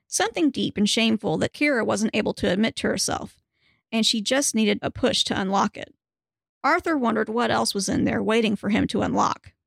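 A woman podcast host reading a novel aloud in a steady, even way, with banter. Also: on the high side, gravelly, no room sound, studio quality.

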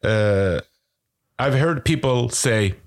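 A man with a Norwegian accent, English not his first language, chatting casually as a podcast co-host and often pausing to search for words. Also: mid-range voice, animated. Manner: hesitant, searching for English words, many fillers. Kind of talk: casual chat.

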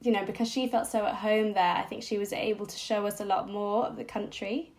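A woman's voice: medium pitch, steady tone, brisk, darkish tone. A woman, a podcast guest recalling her childhood in a reflective, hesitant way with many fillers. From Singapore-born, raised abroad. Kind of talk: personal storytelling interview.

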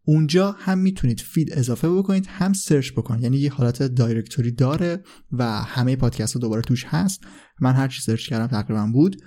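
A podcast host talks through a topic in a casual, unscripted monologue, pausing on fillers and correcting himself as he goes. His voice is warm and mellow, at an ordinary middle pitch.

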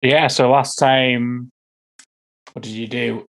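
A man narrating as game master, recapping the last session in a relaxed way and searching for words as he goes. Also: medium pitch, slow pace.

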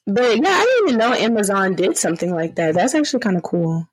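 A woman's voice: medium pitch, sing-song, quick pace, slightly rough, no room sound, poor audio. A young woman co-hosting a casual chat, agreeable and easygoing. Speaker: co-host.

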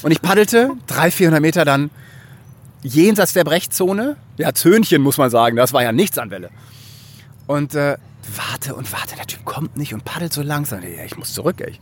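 A middle-aged man from Germany, a guest telling a story in a casual podcast chat. He is animated, laughs often and acts out what people said. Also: a little high, normal speed, a little hiss or hum.

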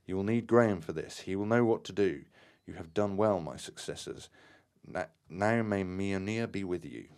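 A man voicing a hushed, solemn female spirit. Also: low-pitched, moderate pace, few pauses, clear, resonant tone. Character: solemn female spirit guardian speaking through a medium.

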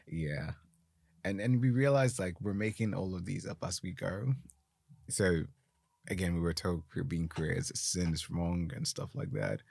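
A man talking openly as a guest in a relaxed conversation. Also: low-pitched, moderate pace, gravelly, no echo. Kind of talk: casual conversation.

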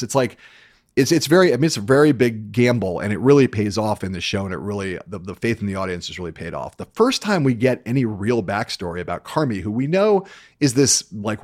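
Casting: male podcast host, lowish voice, close dry sound, halting yet emphatic interview style. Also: dry recording. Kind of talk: conversational interview.

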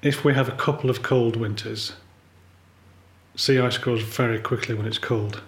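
A man's voice: medium pitch, steady tone, normal speed. A man, a polar photographer talking candidly and earnestly as a podcast guest, with a wry edge. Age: 50s. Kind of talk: reflective conversational chat. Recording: roomy echo.

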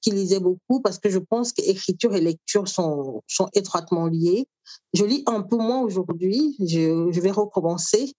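A middle-aged woman from Cameroon speaks as an interview guest. Her voice sits at a mid pitch, and she talks thoughtfully, pausing often to find her words. The recording is dry and close. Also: lively intonation, dark tone, no echo. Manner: thoughtful, with frequent pauses and fillers. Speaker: author and cook, interview guest. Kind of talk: conversational interview.

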